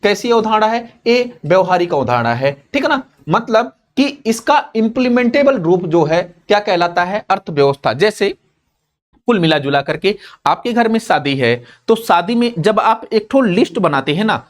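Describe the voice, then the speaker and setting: A man teaching an exam-prep lesson who explains with everyday household examples and turns each key point into a quick question for his students. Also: high voice, lively intonation. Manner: calls students "babu" and checks in with "theek hai na?".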